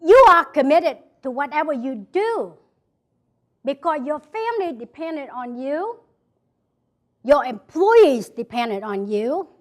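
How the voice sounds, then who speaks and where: In an event hall before a live crowd, a woman from South Vietnam gives an emphatic motivational speech in a Vietnamese accent, circling back to key phrases. She takes her time, her high voice rising and falling in a sing-song way.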